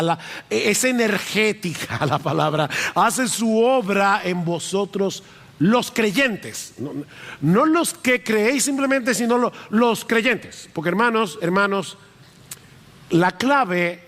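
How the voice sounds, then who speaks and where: High-voiced male pastor in a reverberant hall. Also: fairly bright tone. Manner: emphatic, repeats key phrases for stress. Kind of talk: preaching a sermon. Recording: long reverb of a large hall.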